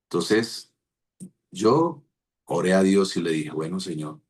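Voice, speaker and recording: A man's voice: low-pitched, big pitch swings, slow, a little mellow. A man, a pastor, telling a rambling devotional testimony over a video call. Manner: rambling storytelling with restarts.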